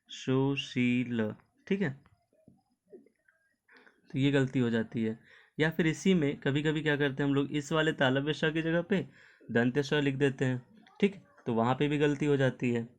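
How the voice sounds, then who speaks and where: A man gives a recorded Hindi lesson on pronunciation, his voice sitting at an ordinary middle pitch. He talks through examples patiently and keeps asking "okay?" as he goes. English words turn up now and then in his Hindi. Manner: explains patiently, repeating "ठीक है" often. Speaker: Hindi teacher. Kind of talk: online video lesson.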